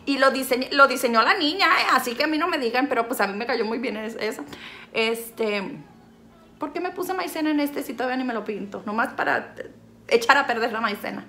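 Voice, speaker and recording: A Sinaloan woman vlogger chats through a makeup tutorial in a playful, teasing way, poking fun at herself. Her voice sits a little high, bright and edgy, with a gravelly rasp running through it. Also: expressive, fairly quick, slight background noise. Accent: Mexican Spanish (Sinaloa). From Sinaloa, Mexico. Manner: playful, teasing, self-mocking, talks to an off-camera helper. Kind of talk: casual makeup tutorial chat.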